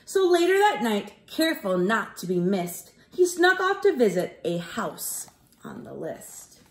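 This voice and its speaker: With a medium-pitched voice and an unhurried delivery, a teacher reads a story aloud to small children, using an expressive style and plain, simple explanations.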